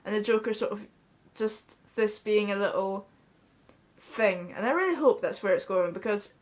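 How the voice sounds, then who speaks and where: In a small bedroom, a young woman with a Scottish accent talks casually to a nearby camera at a moderate pace, her pitch medium. A vlogger, she's blunt and swears freely.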